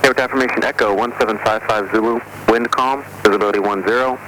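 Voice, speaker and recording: A man's fairly low voice reads a recorded airport weather broadcast over the aircraft radio. His delivery is flat and steady as he works through the weather figures. Engine noise sits heavily underneath the transmission. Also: fast talker. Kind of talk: automated airport information readout. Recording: noisy radio broadcast heard through the cockpit.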